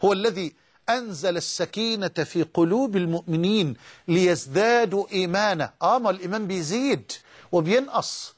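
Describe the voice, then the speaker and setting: A male preacher with an Egyptian accent and a notably high voice. He gives an emotive religious lecture, swears heartfelt oaths and moves between solemn recitation and everyday colloquial talk. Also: brisk. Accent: Egyptian Arabic.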